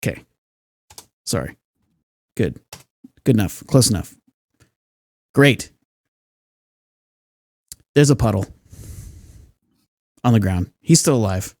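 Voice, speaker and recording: A man's voice: on the low side, lively intonation, takes it slowly, pauses often, a little mellow, no echo. A man narrating a tabletop game as game master, casual and laughing often between descriptions.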